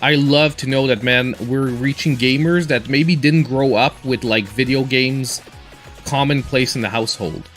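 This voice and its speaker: Laid-back forties male game streamer, mid-pitched, easygoing chatter, faint music underneath. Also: moderate pace. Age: 40s. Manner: relaxed, reserved, chatty. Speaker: gaming streamer host. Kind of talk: casual live-stream gameplay chat.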